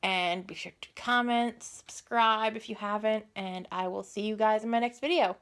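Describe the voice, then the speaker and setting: A woman's voice: medium pitch, moderate pace, fairly bright tone, clean tone. A woman telling a casual storytime vlog into a phone camera, rambling and correcting herself as she goes. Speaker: vlogger.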